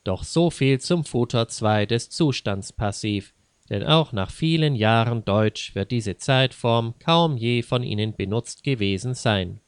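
A man narrates a scripted learners' story in a calm, measured way. His voice is smooth and resonant, at an ordinary pitch. The recording is close and dry. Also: no room sound. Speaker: language teacher and storyteller.

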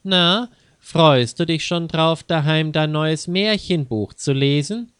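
A man's voice: medium pitch, animated, takes it slowly, clean tone, no echo, studio quality. A man voicing a playful young girl who teases her brother, in a mocking sing-song way. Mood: teasing.

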